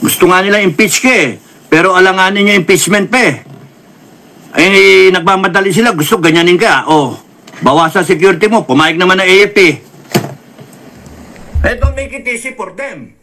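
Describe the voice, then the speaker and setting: Lecturing on politics, a man from the Philippines speaks in a high, pushed, bright voice at a moderate pace, leaving long pauses. He blends English phrases into his commentary and offers repeated apologies.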